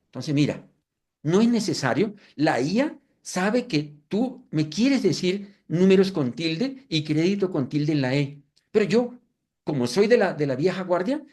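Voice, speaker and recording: A man in his fifties presenting a live webinar demonstration, asking the audience questions and making self-deprecating asides. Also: fairly high pitch. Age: 50s. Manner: lively, asks the audience rhetorical questions.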